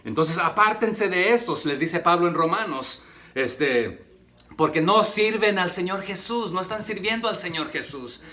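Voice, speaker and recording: Un hombre que predica un sermón en español latinoamericano y le hace preguntas a la congregación. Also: male voice, high-pitched, lively intonation, unhurried, pushed and bright. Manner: rhetorical questions to the congregation, many fillers. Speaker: preacher. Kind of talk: sermon.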